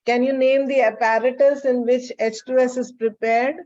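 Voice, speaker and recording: A woman's voice: fairly high pitch, fairly even intonation, normal speed, a little mellow. A woman with an Indian accent teaching chemistry in an online class, captured in a screen recording, calling on students by name and checking they follow. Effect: screen-recorded online class audio. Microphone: video call computer mic. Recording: dull lo-fi video call audio.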